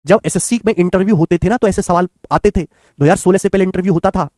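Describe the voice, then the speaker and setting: Male math tutor, high voice, close and dry sound, patient and repetitive with students. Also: fast, a little mellow, dry recording. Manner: coaxing, repetitive, addresses students as children and friends. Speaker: math teacher. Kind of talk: online exam-prep lecture.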